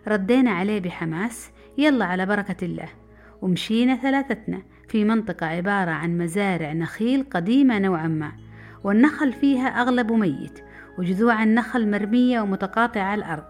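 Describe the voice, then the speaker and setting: Middle-aged woman, quick memoir narration over faint music. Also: mid-range voice. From Saudi Arabia. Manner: brisk, lively narration. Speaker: storyteller. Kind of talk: personal memoir storytelling. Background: faint background music.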